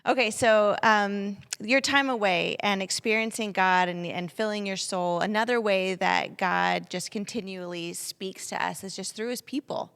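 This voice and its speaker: A woman co-hosts a casual church conversation and asks her guest questions. Her mid-pitched voice has a gravelly fry. A long hall reverb hangs on every word. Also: steady tone, measured pace, hardly any pauses, fairly bright tone. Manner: attentive interviewer, frequent short affirmations. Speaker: co-host.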